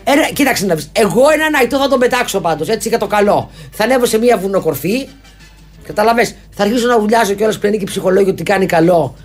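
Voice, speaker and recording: A woman's voice: medium pitch, animated, soft background music. A woman co-hosting a podcast, chatting casually and teasing with lots of laughter. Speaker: podcast co-host. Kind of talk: casual gossip chat.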